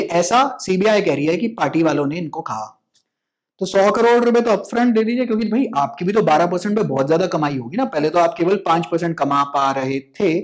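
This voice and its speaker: A young man giving a casual legal lecture, explaining as an educator, mixing English phrases and asking rhetorical questions. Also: on the high side.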